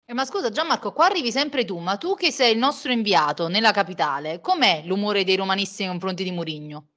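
A woman's voice: medium pitch, animated, fast talker, fairly bright tone. A woman co-hosting a casual, humorous football podcast. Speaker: podcast co-host. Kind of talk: casual chat and humorous letter reading.

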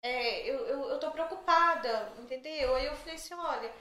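Chatty, jokey woman, high and bright. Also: moderate pace. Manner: chatty, jokey, animated storyteller. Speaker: podcast guest, entrepreneur. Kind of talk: casual storytelling chat. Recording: echoey room, faint background noise.

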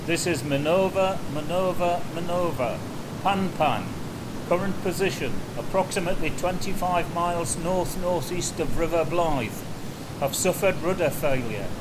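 A man plays a steady cargo-ship captain calling out over the radio in clipped, formal procedure. His voice sits a little high. A heavy hiss runs under everything he says. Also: measured pace, lightly acted. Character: calm male ship captain radioing distress.

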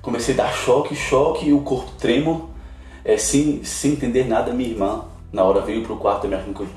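A man's voice: mid-range voice, fairly even intonation, fairly quick, darkish tone. A man, a guest missionary sharing an emotional personal testimony in a podcast interview. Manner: earnest, emotional storytelling. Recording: roomy, distant mic, faint music.

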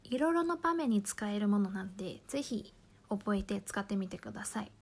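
A woman teaching a language lesson, explaining patiently and slowly, drawing out example phrases. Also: mid-range voice, expressive, a little mellow, breathy edge. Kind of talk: slow, careful lesson explanation.

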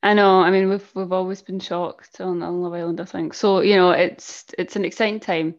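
A young Scottish woman in her twenties co-hosting a podcast, chatty and sarcastic, quick to laugh. The sound is a little muffled and dull. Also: fairly low pitch, level tone. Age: 20s. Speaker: podcast co-host. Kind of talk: casual chat.

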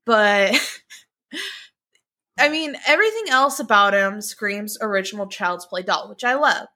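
A woman co-hosting a podcast in casual chat, animated and exasperated, laughing often and swearing. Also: mid-range voice, takes it slowly.

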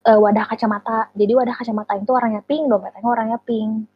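A young woman with a Sundanese accent, a podcast guest telling lively, slangy stories in casual chat. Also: on the high side, fast talker. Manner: lively storytelling, slangy and expressive. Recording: somewhat dull lo-fi sound.

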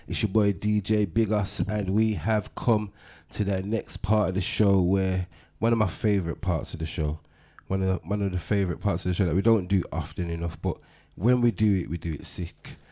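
Lower-pitched London DJ host. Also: male voice, fairly even intonation, fairly quick, mellow. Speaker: radio show host and DJ. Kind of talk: casual hosting with street slang.

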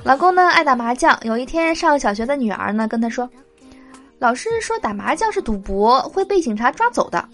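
A woman hosts a joke podcast, reading each joke aloud casually. Her voice sits high and swoops widely as she lands the punchlines, and she often laughs at her own material. A faint bed of music plays behind her. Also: big pitch swings, a little fast, a bit bright. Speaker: podcast host telling jokes.

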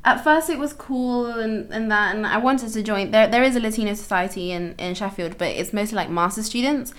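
A woman's voice: on the high side, a little fast. A young woman from London talking as a guest in a casual conversation, hesitant and full of restarts. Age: young adult. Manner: hesitant, many ums and restarts, laughs often.

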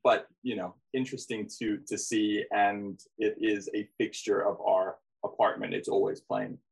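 A man's voice: on the low side, little pitch movement, moderate pace, creaky, slightly rough, rough recording. An Australian man guesting on a podcast in casual chat, speaking hesitantly with many fillers and restarts.

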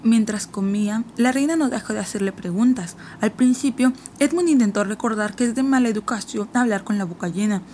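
A woman narrating a children's fantasy audiobook in a steady, measured reading voice. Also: on the high side, a little hiss or hum. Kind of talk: scripted storybook narration.

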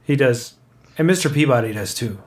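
A man's voice: mid-range voice, animated, brisk. A man hosting a music quiz show in natural, unscripted, casual and easygoing talk.

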